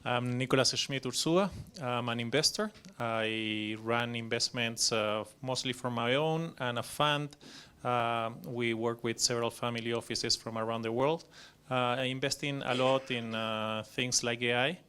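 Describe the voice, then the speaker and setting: Investor guy, bright sharp voice, lots of uhs, panel intro. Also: medium pitch, steady tone, a little slow, smooth. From Chile. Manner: hesitant, many fillers. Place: conference panel stage.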